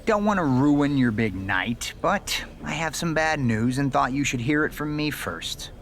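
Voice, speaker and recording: In a video game cutscene, a male actor voices a confident, scheming veteran wrestler who is persuasive and conspiratorial, sometimes sinking to a near whisper. The mid-range voice is animated, unhurried and a bit bright, carrying a regretful mood.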